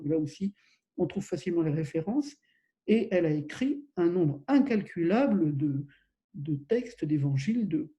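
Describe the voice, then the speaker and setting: A man lecturing on his own to camera, talking in loose, wandering sentences full of fillers and restarts. His voice sits high for a man, with a soft, very dark and mellow tone. It sounds like a casual solo video lesson. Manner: rambling, many fillers and self-corrections. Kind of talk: informal recorded lecture.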